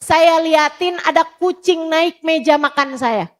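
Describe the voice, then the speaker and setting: Woman preacher, sermon to women, high voice, unhurried, emphatic with repeated points. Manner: emphatic, repetitive, addressing the audience directly. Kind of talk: sermon to a women's study group.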